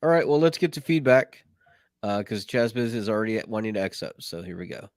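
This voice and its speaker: A man's voice: on the low side, animated, fairly quick, darkish tone, no room sound, studio quality. A man hosting a podcast, running segments in an easygoing way with lots of agreeing. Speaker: podcast host. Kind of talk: casual podcast chat.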